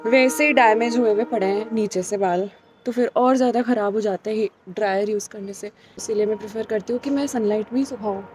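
A woman's voice: mid-range voice, a little fast, darkish tone, faint music behind. A young woman chatting casually to camera in a vlog, mixing in English phrases. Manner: chatty, mixes English phrases into her talk. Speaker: vlogger.

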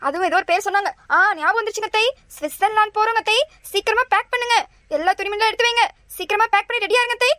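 A woman's voice: very high voice, very fast, sharp tone, no echo. A woman voicing a pleading, chatty young daughter-in-law in a cartoon. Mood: eager. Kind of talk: cartoon voice acting.

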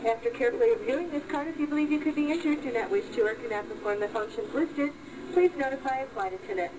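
A woman voicing a flight attendant who gives formal, scripted pre-flight announcements over the cabin loudspeaker. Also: high-pitched. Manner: polite, formal, scripted delivery. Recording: distant, noisy cabin PA recording.

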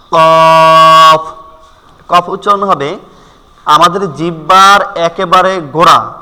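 Slow, bright-voiced male Quran teacher. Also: high-pitched, in a large hall. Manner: slow, deliberate, drawing out each letter sound and repeating it. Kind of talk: spoken pronunciation lesson.

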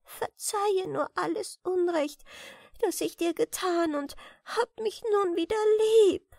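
A woman voicing a remorseful older sister, a young girl, in a storybook, with a soft, gentle voice. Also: sits high, animated, a little slow, no echo, studio quality, voice pushed up. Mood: earnest.

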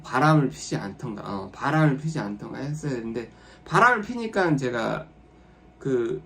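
A man's voice: mid-range voice, lively intonation, normal speed, vocal fry, fairly bright tone. A man hosting a live stream, talking to viewers in a casual, rambling way with many restarts and fillers, and acting out what spouses say. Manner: acts out spouses' lines in a raised voice.

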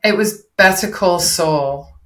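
A woman who works as a voice and performance coach, talking as a guest in an interview in a measured, explanatory way. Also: fairly low pitch, fairly bright tone. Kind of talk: casual interview.

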